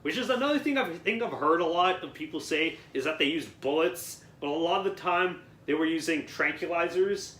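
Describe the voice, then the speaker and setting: Rambling young man, bright echoey sound. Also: on the high side, expressive, fairly quick, hardly any pauses. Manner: rambling, stumbles over words, laughs often. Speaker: reviewer. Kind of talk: casual group movie review. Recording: echoey room, faint noise.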